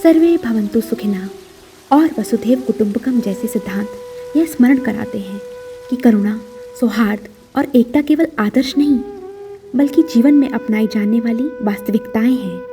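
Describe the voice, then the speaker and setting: A woman giving formal, measured scripted narration for a government podcast. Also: on the high side, music in the background.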